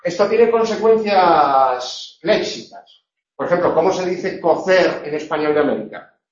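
A man teaching a class on pronunciation, drawing out his examples slowly and checking in with the students again and again. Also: sits high, lively intonation. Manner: slow, drawn-out examples with frequent "¿eh?" and "¿vale?" checks. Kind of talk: classroom lecture on phonetics. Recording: echoey room, distant lo-fi mic.

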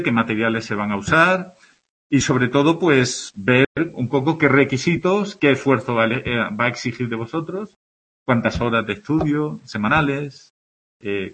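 With a breathy edge to his mid-range, fairly bright voice, a middle-aged man from Andalusia, Spain, teaches a university access course. His Andalusian Spanish accent carries a friendly introductory lecture in which he regularly checks in with the class.

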